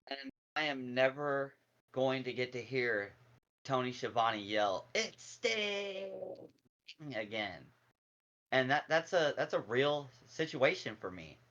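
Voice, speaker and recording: A man in his forties co-hosting a casual wrestling review, excitable and jokey with a lot of slang. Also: mid-range voice, a little slow, lo-fi sound. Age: 40s. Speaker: co-host.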